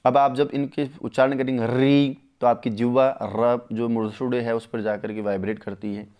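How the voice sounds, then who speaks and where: A man teaching a live Sanskrit exam-prep class, keen and friendly, calling viewers his friends and slowing right down to spell out grammar rules. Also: medium pitch, level tone, a little mellow, clean tone. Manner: enthusiastic, addresses viewers as friends, slows to spell out sutras.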